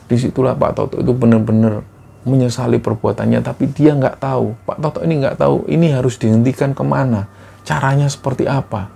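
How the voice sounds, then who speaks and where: A man's voice: lowish voice, creaky, dark tone, slight background noise. A man narrating a horror story in an earnest, repetitive way.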